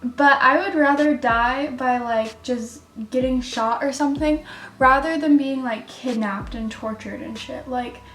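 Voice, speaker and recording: A woman's voice: high voice, unhurried, fairly bright tone. A young woman telling a story while doing her makeup, rambling and giggly with lots of fillers. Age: young adult. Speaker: beauty vlogger. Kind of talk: chatty get-ready-with-me storytelling. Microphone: camera mic. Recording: echoey room with faint music.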